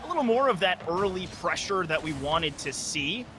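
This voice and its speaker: A young man giving energetic, analytical live commentary on an esports match. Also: sits high, moderate pace, noisy background. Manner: energetic analytical play-by-play, frequent restarts.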